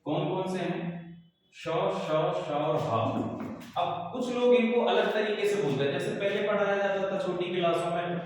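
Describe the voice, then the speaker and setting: Hindi teacher in a very echoey room. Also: male voice, sits high, a little fast, hardly any pauses, a little hiss or hum. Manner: asks a question and answers it himself, repeating points. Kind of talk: exam-prep lesson. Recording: very echoey room with long reverb, voice far from the mic.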